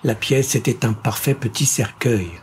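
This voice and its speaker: A man reading a science-fiction thriller aloud in a steady, suspenseful narration. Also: mid-range voice, normal speed, a little hiss or hum. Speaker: audiobook narrator. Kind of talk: scripted narration.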